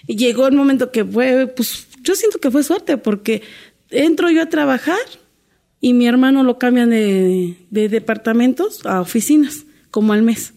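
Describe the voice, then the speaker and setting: A woman's voice: fairly high pitch, expressive, normal speed, warm tone. A middle-aged woman, a domestic worker telling her life story in an interview, earnest and full of restarts. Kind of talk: candid interview conversation.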